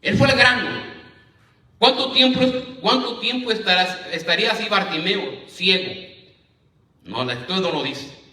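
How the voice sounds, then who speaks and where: A man's voice: high voice, animated, normal speed, sharp tone. A man preaching a sermon as minister, reading scripture aloud and often asking his listeners "right?". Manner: addresses listeners as "hermano", asks "¿verdad?". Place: church congregation. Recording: echoey church, voice from a distance.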